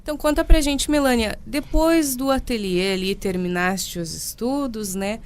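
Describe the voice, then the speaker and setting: Higher-voiced woman hosting a radio interview. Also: normal speed, smooth. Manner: friendly, prompting questions. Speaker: radio host. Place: radio studio.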